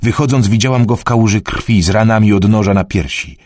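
A man reading an audiobook, voicing a young peasant girl who speaks in a flat, matter-of-fact way. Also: lowish voice, fairly quick, no echo, clean studio sound, pitched above the performer's own voice, lightly acted. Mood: grim.

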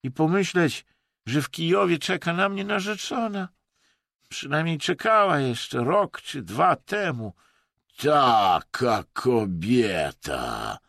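A man's voice: mid-range voice, sing-song, takes it slowly, no room sound, studio quality, pitched above the performer's own voice. A man doing a whiny, hysterical traveller. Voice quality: tearful, whining. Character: whiny, hysterical male traveller prone to tears.

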